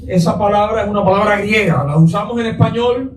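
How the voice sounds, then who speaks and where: High-voiced man preaching in an echoey church. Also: fairly quick, recorded from a distance, slight background noise. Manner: asks the congregation questions and answers them. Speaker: pastor. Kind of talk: Sunday sermon. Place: church sanctuary.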